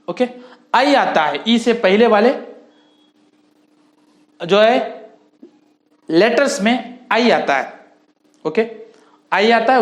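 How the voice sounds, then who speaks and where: A man, teaching English vowel sounds in a slow lesson and repeating each word with "okay" and "friends". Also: sits high, a bit bright, echoey room. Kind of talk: spoken phonics lesson.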